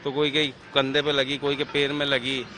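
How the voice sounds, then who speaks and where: A man, speaking as an eyewitness in an outdoor street interview, retelling events in a halting, agitated way with restarts. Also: mid-range voice, monotone. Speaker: eyewitness who filed the complaint. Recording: faint street noise outdoors.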